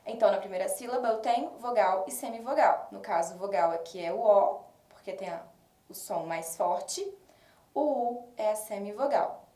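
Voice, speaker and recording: A Brazilian Portuguese-accented woman teaching a recorded grammar lesson, slowly stressing each example word. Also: mid-range voice, mellow, recorded from a distance. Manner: slow, deliberate stressing of example words. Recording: echoey room, voice off-mic.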